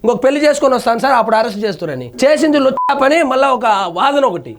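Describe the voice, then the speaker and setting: Male news commentator, very high voice, fast and mocking. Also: very animated. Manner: sarcastic and scornful, mimics the people he talks about. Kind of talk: mocking commentary over video footage.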